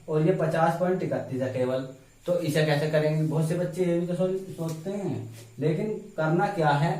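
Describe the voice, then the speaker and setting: A man's voice: on the high side, mellow. A man teaching exam-prep math step by step, often checking in with his students. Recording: echoey room, mic far off.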